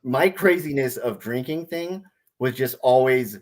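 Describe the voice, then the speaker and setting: A man's voice: medium pitch, lively intonation, a little slow. A man co-hosting a podcast, joking around and playing along with his friends' bits. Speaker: podcast co-host. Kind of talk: casual banter.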